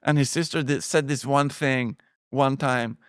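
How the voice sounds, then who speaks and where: A man's voice: medium pitch, fairly even intonation, measured pace, clear, resonant tone, dry recording, studio quality. A man telling childhood stories as a podcast guest in a casual chat, laughing often and acting out quotes. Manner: laughing storyteller, acts out quotes.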